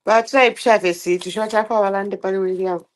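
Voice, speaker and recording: A woman's voice: medium pitch, fairly even intonation, moderate pace. Zambian-accented woman on a panel. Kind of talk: live online show greeting and chat.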